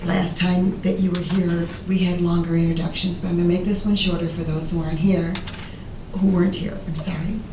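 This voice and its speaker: An older American woman with a raspy voice, giving an informal, rambling, self-deprecating talk about herself as a presenter. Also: flat delivery, fairly quick. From Illinois, United States. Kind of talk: informal autobiographical talk to an audience. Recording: roomy, distant mic, faint rumbling noise.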